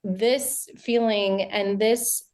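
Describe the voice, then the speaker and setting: A woman's voice: medium pitch, steady tone, very slow, darkish tone. An older woman, a podcast guest, talking earnestly and reflectively over a video call, with frequent restarts. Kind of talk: casual podcast interview.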